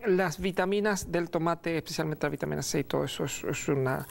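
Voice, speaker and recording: A middle-aged man presenting a recipe on a studio kitchen set, relaxed and pausing often with fillers. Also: on the high side, creaky. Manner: relaxed, hesitant with many fillers. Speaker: cooking show host. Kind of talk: cooking demonstration.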